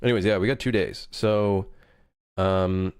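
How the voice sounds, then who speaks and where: A Swiss-born man streaming his game development, chatting loosely and cracking jokes as he reads chat aloud. His voice sits a little low and stays casual and unhurried. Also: fairly even intonation, smooth. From Switzerland. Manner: joking, reading chat aloud, thinking out loud.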